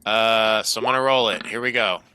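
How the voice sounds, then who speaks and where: A man's voice: on the low side, steady tone, fairly quick, pushed and bright, clear, resonant tone, dry recording, faint music behind. A man running a tabletop game as game master, easygoing and laughing often.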